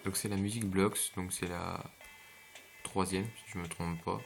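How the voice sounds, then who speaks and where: A man with a low, steady voice talks at a normal pace, with vocal fry and some background noise. He makes gameplay videos, and here he rambles casually through his commentary with hesitations and jokey asides, recorded on a home computer mic.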